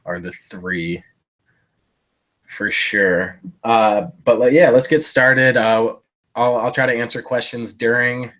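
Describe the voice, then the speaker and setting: On his live stream, a thrift reseller shows off his haul in a medium-pitched, fairly bright voice thick with congestion. He speaks slowly with fairly even intonation, rambling casually, using many fillers and poking fun at himself.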